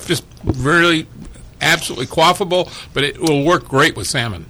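A man's voice: on the high side, moderate pace, pushed and bright, a little hiss or hum. A man co-hosting a radio show, tasting and describing wine in an effusive way. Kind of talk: casual radio chat.

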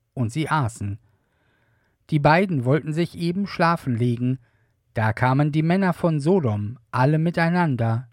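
A man reading the Bible aloud as an audiobook, calm and measured, lightly voicing the quoted speech. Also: mid-range voice, no echo, clean studio sound. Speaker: Bible reader.

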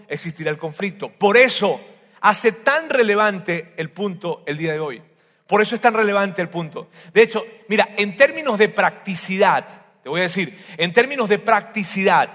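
High-voiced male preacher in a reverberant hall. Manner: animated, repeats phrases, swings from loud bursts to soft asides. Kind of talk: sermon on family life.

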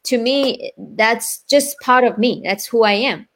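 A woman's voice: fairly high pitch, unhurried, fairly bright tone. A woman from China with a Chinese accent, speaking earnestly as a guest entrepreneur on a live online interview show, often checking in with "right?".

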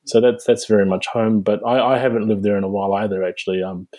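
A New Zealand man in his forties, a guest dentist, answers interview questions reflectively and haltingly, often restarting. His voice sits on the low side, with a flat delivery and a warm tone.

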